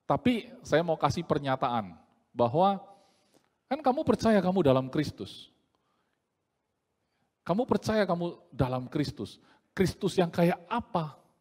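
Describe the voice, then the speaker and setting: A man preaching a sermon in a lively, joking way, often acting out the voices he quotes. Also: fairly high pitch, a little slow, long pauses, long reverb tail.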